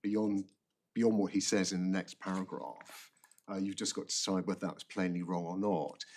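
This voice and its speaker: A man arguing an appeal as a barrister, formally, halting and often repeating words. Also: deep voice, flat delivery, a little mellow, slight background noise. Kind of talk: formal courtroom legal argument.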